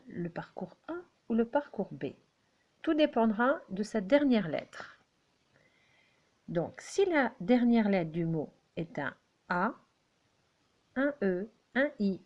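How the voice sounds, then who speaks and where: Slow, patient woman teacher. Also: mid-range voice, a little mellow, dull audio. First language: French. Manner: slow, patient, checks in with "d'accord?". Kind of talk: explaining at a whiteboard. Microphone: handheld camera.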